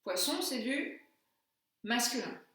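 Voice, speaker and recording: Slow patient woman teacher, echoey room. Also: fairly high pitch, lively intonation, a bit bright, distant mic. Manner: slow and patient, spelling out examples step by step. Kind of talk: classroom lesson.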